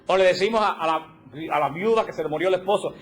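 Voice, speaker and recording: A man giving a religious teaching talk, animated, acting out little quoted voices and repeating points for emphasis. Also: sits high, fast. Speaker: catechism teacher.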